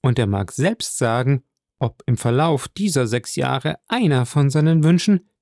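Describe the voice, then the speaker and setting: A man's voice: medium pitch, animated, a little slow, a little mellow, no echo, clean studio sound. Man reading as earnest young woman.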